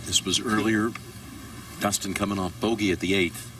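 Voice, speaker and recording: Low-voiced male golf commentator over loud noise. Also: fairly even intonation, normal speed. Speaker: golf commentator, lead announcer. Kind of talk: live golf tournament commentary. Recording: distant, very noisy outdoor ambience.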